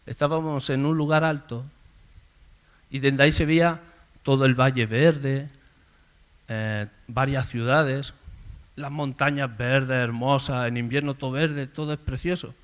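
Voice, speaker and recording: Man preaching a lively sermon. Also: medium pitch, unhurried, clear, resonant tone. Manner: conversational storytelling, swells loud on names called out. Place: church service.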